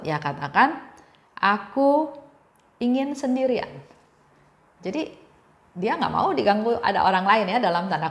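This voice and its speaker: Woman giving a gentle devotional talk. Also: medium pitch, reverberant. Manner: gentle storytelling with repeated phrases.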